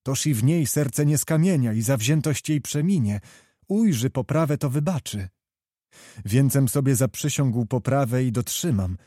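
A man's voice: medium pitch, lively intonation, moderate pace, dark tone, no echo, studio quality, close to an everyday voice. A man voicing a fiery young knight who pleads earnestly and passionately. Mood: pleading.

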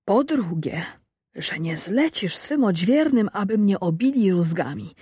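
A woman voicing a timid older peasant mother who pleads before a ruler in high, breathy tones. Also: sing-song, a little slow, warm tone, no echo, studio quality, full character voice. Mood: frantic pleading.

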